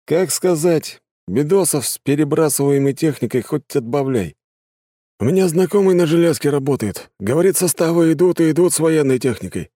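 A man's voice: a little high, lively intonation, normal speed, dark tone, no echo, studio quality, pitched above the performer's own voice. A male narrator voicing a down-to-earth adult male conscript who talks in casual, blunt banter. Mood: chatty. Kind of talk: audiobook narration with voices.

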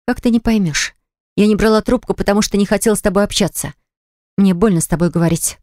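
A woman's voice: mid-range voice, fast talker, a little mellow, no echo, clean studio sound, close to an everyday voice. A man voicing a hurt, angry young pregnant woman in an audiobook, indignant and defensive.

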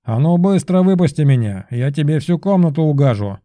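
A man voicing a rude, boastful male pigeon familiar with a shrill, squawking manner. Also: moderate pace, mellow, no echo, lightly acted. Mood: shrieking.

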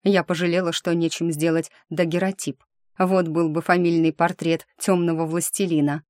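A woman telling a first-person fantasy story as an audiobook narrator, with lively, engaged storytelling. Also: on the low side, moderate pace, no room sound, studio quality.

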